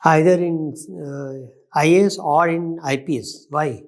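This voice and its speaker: A man with an Indian accent and a slightly high voice questions a candidate in a formal interview. He speaks haltingly, repeating words and reworking each question as he goes. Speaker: interview panelist.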